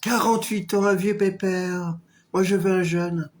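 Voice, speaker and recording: A man streaming live from home, making crude prank calls to a phone chat line in a mocking, deadpan way. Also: high-pitched, measured pace, slight background noise.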